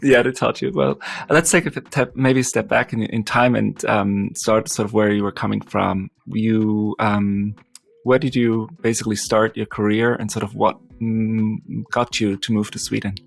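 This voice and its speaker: A man's voice: fairly low pitch, fairly even intonation, normal speed, creaky, faint music behind. A man hosting a casual podcast interview, asking questions hesitantly and repeating words. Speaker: podcast host.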